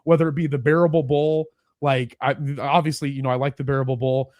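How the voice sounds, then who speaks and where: A man's voice: mid-range voice, flat delivery, fairly quick, a little mellow, no room sound. A man hosting a podcast in a casual interview chat, rambling a little, laughing often and trailing off mid-thought. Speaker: podcast host.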